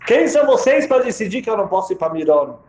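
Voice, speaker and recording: A man's voice: high voice, big pitch swings, quick pace, a little mellow, reverberant, pitched above the performer's own voice. A man voicing a desperate wounded man who pleads in tears, his voice raised and strained. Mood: desperate pleading. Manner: pleading, breaking voice.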